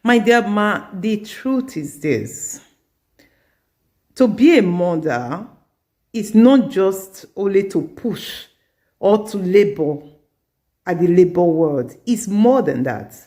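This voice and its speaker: A woman's voice: mid-range voice, lively intonation, slow, pauses often, mellow. A middle-aged woman, telling a story in an earnest advice vlog and repeating her points for emphasis. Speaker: community advice vlogger.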